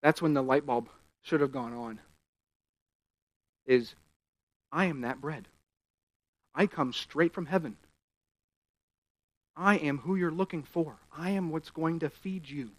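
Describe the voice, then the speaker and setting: A man preaching a sermon, reading scripture aloud and explaining it, his voice rising loud at key points. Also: on the high side, slow pace, long pauses, no echo.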